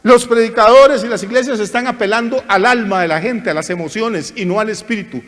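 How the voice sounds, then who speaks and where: A man with a high, bright voice preaches to his congregation, his words trailing off into a long church reverb. He is animated and theatrical, switching into mocking little voices to act out the people he talks about. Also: a little fast. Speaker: pastor. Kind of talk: sermon.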